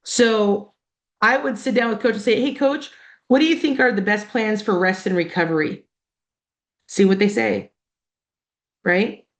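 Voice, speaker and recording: A woman's voice: medium pitch, a little slow, long pauses. A middle-aged woman coach giving a casual, conversational motivational talk to student-athletes, acting out quoted exchanges. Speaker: coach and mental performance speaker.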